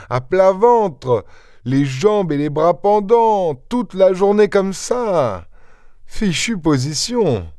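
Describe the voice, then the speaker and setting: A man voicing a self-assured, mocking gentleman burglar in an audiobook, teasing and ironic with lively high flourishes. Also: no room sound, clean studio sound. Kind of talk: audiobook character voice.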